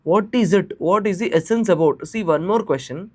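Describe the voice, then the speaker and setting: A man with an Indian accent teaches an informal live online exam preparation class, repeating phrases and checking in with questions. His voice is high-pitched and his pace moderate.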